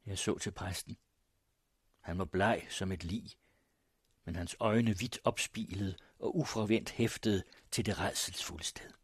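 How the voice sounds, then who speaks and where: A man narrating a first-person story in a measured, grave manner. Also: lowish voice, husky, no echo, clean studio sound. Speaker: audiobook narrator.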